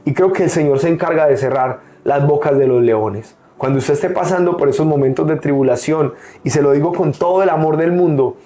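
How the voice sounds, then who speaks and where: A young male pastor from Colombia delivers an earnest sermon, with a voice sitting a little high for a man yet mellow and warm in tone. He speaks personally and pauses often on small fillers as he shares his testimony. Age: young adult.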